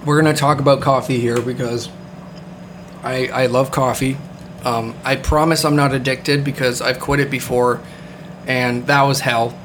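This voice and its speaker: A man's voice: medium pitch, little pitch movement, moderate pace, background noise. A man hosting a casual podcast chat, rambling with many fillers and the odd swear word. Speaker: podcast host.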